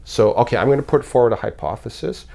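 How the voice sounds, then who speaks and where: A man's voice: medium pitch, animated, quick pace, gravelly, warm tone. A man from Canada, a podcast guest, talking in a thoughtful, rambling way with frequent restarts. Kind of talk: casual conversational interview.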